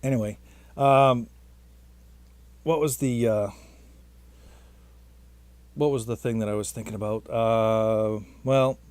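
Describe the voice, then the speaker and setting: A man's voice: medium pitch, steady tone, takes it slowly, long pauses, darkish tone, smooth, no echo. Rambling, hesitant man vlogging. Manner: rambling, hesitant, self-deprecating. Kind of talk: rambling casual monologue.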